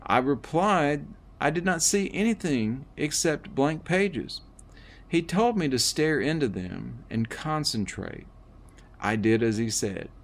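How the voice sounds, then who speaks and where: A man reading a first-person book aloud in a measured way, with the odd slip and restart. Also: lowish voice. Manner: slow, measured reading with small slips and restarts. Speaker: audiobook reader.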